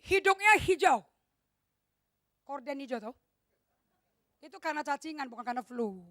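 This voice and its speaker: A middle-aged woman pastor preaches with force and drops English phrases into her talk. Her voice sits high. The sound is dry and close. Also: animated, normal speed, a bit bright, dry recording. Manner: emphatic, switches into English phrases. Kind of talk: sermon. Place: church hall.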